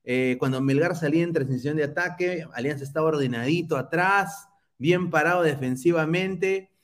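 Teasing football podcast host. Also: male voice, on the high side, normal speed. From Peru. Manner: teasing, mocking rival fans. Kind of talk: casual football podcast chat.

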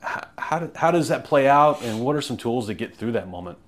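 A man's voice: medium pitch, expressive, a little fast. A man co-hosting a podcast who jokes and asks long, thoughtful questions. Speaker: podcast co-host. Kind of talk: casual podcast conversation.

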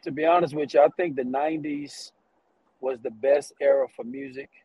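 A man's voice: mid-range voice, steady tone, normal speed, husky, no room sound, highs cut off. A man being interviewed as a rapper, talking in a laid-back casual way.

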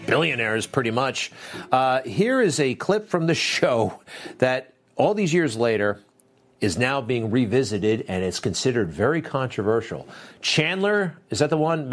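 A man presents a talk show in a conversational, opinionated monologue. His mid-pitched voice moves up and down a great deal as he drops wry asides and rhetorical questions.

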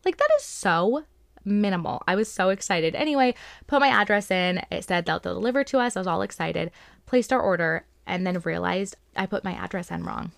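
A woman co-hosting a casual podcast, her voice carrying a gravelly edge. She chats freely and slips into voices when she quotes people in her stories. The sound is dry and close. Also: on the low side, brisk, no room sound. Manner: chatty storyteller, acts out quoted voices. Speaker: podcast co-host. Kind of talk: casual chat.

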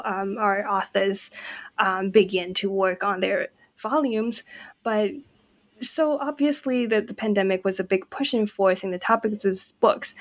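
A woman hosting a book interview, welcoming guests and asking questions with some hesitation and fillers. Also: mid-range voice. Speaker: interview host.

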